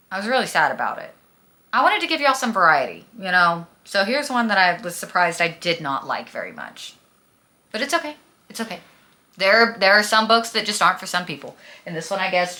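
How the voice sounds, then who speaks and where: With a sharp tone at medium pitch, this woman reviews books in a casual vlog. She gushes, leans on slang, and delivers everything emphatically and dramatically.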